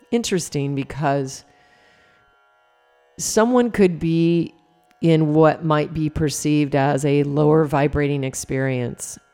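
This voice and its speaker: A woman with an early-morning voice leading a spiritual talk before a guided meditation, meandering and reflective, pausing often with fillers. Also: sits low, a little mellow.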